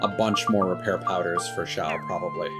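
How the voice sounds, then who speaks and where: Steady and low-pitched, a man keeps a moderate pace as he comments on his game in casual chat. He works through things aloud analytically while video game music plays behind him.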